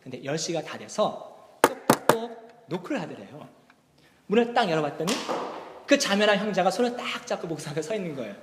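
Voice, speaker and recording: A man's voice: high voice, very animated, brisk, heavy background noise. A male pastor telling a playful story during a sermon in a church sanctuary, speaking through a pulpit microphone. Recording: reverberant church hall.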